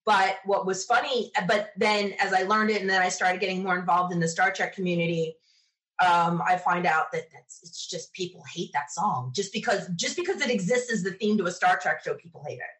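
Sounding brisk, fairly low-pitched and a bit bright, an American woman recounts animated anecdotes as a guest on a podcast, keeping the interview chat casual and enthusiastic. The audio quality is poor.

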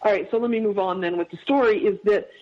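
A man as a podcast guest, telling a personal story in a heartfelt, halting way with many restarts. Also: sits high. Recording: dull lo-fi sound.

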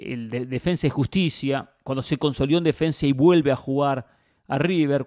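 A man's voice: medium pitch, a little mellow, no room sound, clean studio sound. A man giving opinionated football commentary as a host, emphatic and fond of rhetorical questions and repetition.

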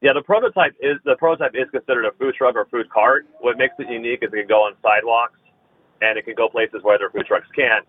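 A man calling in from his truck on speakerphone and giving a rehearsed startup pitch in rapid business jargon. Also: dry recording. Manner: rapid, jargon-heavy delivery. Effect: speakerphone call from his truck. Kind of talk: rehearsed business pitch, then casual explanation. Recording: tinny phone line, dry.

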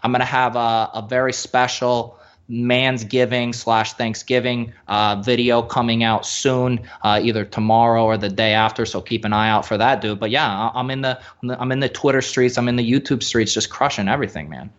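A man's voice: mid-range voice, fairly even intonation, normal speed, close to an everyday voice. A man voicing a cocky, boastful young male fantasy sports bro who calls everyone dude, recorded with a slightly dull lo-fi sound.

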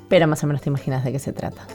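Woman, Rioplatense accent, radio host, low pitch, playful and encouraging with a child guest. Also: fast, darkish tone, soft background music. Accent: Rioplatense Spanish.

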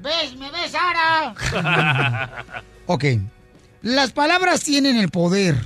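A man hosts a comedic radio show, his voice very high and bright. He talks in animated comic banter and laughs at his own jokes, with faint music behind him. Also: takes it slowly.

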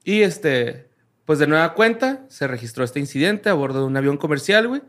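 A man's voice: fairly high pitch, lively intonation, moderate pace, a bit bright. A man with a Mexican accent hosting a casual podcast, reading strange news stories aloud in a slangy, laid-back way. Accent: Mexican Spanish.

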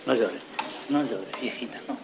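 An actor playing a gentle elderly Argentine husband and father, speaking tenderly and soothingly. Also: mid-range voice, normal speed, creaky, noisy background, close to an everyday voice. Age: older.

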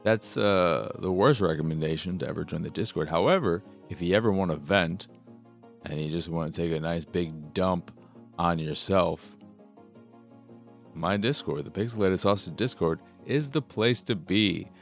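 A man's voice: low voice, moderate pace, creaky, faint music behind. A man in his thirties hosting a casual podcast, talking in a loose, rambling, crude way into a close microphone. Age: 30s. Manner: loose, rambling and crude, with playful silly voices. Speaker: podcast host. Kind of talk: casual solo podcast chat.

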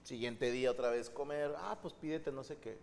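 A man's voice: medium pitch, normal speed, gravelly, a little mellow. A comedian with a mid-range voice tells crude anecdotes and acts out the quotes. His voice carries long reverb, with a faint ambient hiss underneath. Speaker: comedian, podcast co-host. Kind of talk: casual comedic storytelling.

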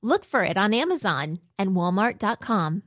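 Lively woman reading a commercial. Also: mid-range voice, moderate pace, over music. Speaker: ad reader. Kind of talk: scripted commercial read.

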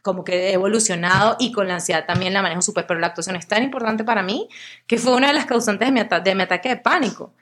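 Lively Venezuelan-born woman storyteller. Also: medium pitch, quick pace. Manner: lively storytelling, acts out quoted voices. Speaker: podcast guest, actress. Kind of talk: casual interview chat.

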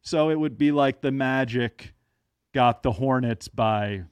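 A man's voice: medium pitch, measured pace, clean tone, no room sound. Man, thirties, podcast host, dry self-mocking humor, casual chat, dead dry sound. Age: 30s.

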